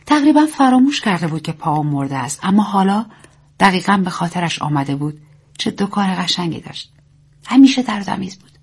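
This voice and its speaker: Husky woman narrating a story. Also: on the low side. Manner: steady, measured reading. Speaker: audiobook narrator.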